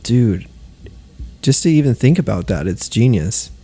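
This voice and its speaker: A man's voice: medium pitch, expressive, unhurried, mellow, slightly rough. A young man co-hosting a casual podcast chat, laughing easily, saying dude a lot and acting out what people said. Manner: laughing storyteller, says dude a lot, acts out quotes. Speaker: podcast co-host.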